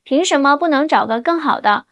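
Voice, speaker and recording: Narrator doing a stuck-up sharp-tongued 38 year old, indignant, high voice. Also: female voice, lively intonation, a little fast, no room sound. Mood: haughty. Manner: haughty, indignant. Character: haughty single woman doctor, 38, picky and sharp-tongued.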